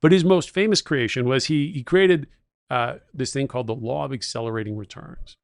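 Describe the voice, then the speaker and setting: Middle aged guy cohosting a podcast, gravelly voice, dry close sound, eager storyteller. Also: mid-range voice, brisk, no room sound. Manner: enthusiastic storyteller, techno-utopian. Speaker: podcast co-host. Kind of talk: casual chat.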